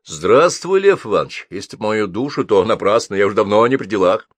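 Man reading as a gruff middle-aged hothead, blunt, coarse, low voice. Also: fast talker, dry recording, natural voice. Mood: surprised, wary. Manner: blunt, coarse, loud outbursts. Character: gruff middle-aged man, hot-tempered, shouting on phone.

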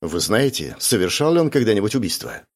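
A man's voice: fairly low pitch, sing-song, brisk. A man voicing a cold, stern young woman. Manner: cold, clipped questioning.

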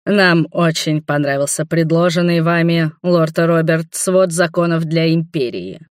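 A reader voicing a booming proud king. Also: measured pace, clean tone, no room sound, clean studio sound, natural voice. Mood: booming, solemn. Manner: loud and solemn.

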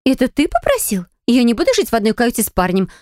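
A woman's voice: a little high, huge pitch swings, fast, a little mellow, dry recording, studio quality, voice pushed up. A woman voicing a spoilt, indignant young woman in acted audiobook dialogue. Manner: indignant, pouty. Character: spoilt, haughty blonde young woman cabin-mate.

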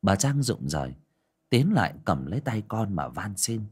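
A man narrating a dramatic audio story in an expressive way. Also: on the low side, normal speed, slightly rough.

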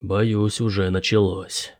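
A man's voice: fairly low pitch, flat delivery, slow, no echo, clean studio sound, voice pushed down. A man voicing an elderly, timid male professor in an audiobook, murmuring and hesitant. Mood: worried. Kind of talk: audiobook character voice.

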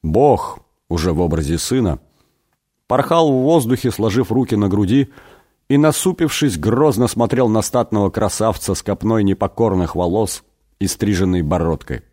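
A man reading a satirical story aloud as an audiobook, wry and expressive. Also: fairly low pitch, normal speed. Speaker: reader. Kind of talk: audiobook narration.

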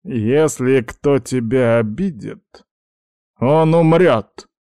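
A man voicing a stern, doting old grandfather who heads a clan, speaking slowly, heavily and commandingly. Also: medium pitch, lively intonation, warm tone, no room sound, clean studio sound, natural voice. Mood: threatening. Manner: slow, heavy and commanding.

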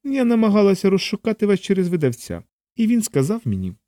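Male narrator doing a cold sly fur-coated woman, pitched up, mellow tone. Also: wildly swooping pitch, fast talker, dry recording. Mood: probing. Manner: cold and curt.

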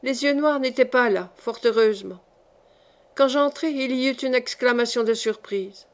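A woman reading a classic novel aloud as an audiobook narrator, in a measured storytelling manner. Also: fairly high pitch. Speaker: audiobook reader.

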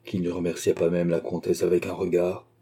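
A man narrating a classic novel as an audiobook in a measured, even manner. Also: low-pitched, slightly rough. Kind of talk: scripted narration.

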